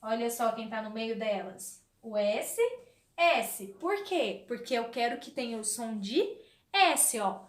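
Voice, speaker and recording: A woman teaching a recorded spelling lesson to young children, talking slowly in a sing-song way and asking questions she answers herself. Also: fairly high pitch, animated. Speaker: primary school teacher. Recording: echoey room, voice off-mic.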